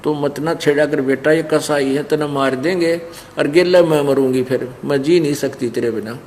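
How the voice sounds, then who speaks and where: Man doing a tearful pleading mother, soft, imploring, slightly higher voice, roomy hall. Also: moderate pace, slight background noise, lightly acted. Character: pleading tearful poor mother, middle-aged woman.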